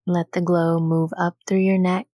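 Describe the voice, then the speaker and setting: The recording is dry and studio quality: a woman with a fairly low pitch and little pitch movement guides listeners through meditation. She is gentle, calming, and slow, with long pauses between phrases.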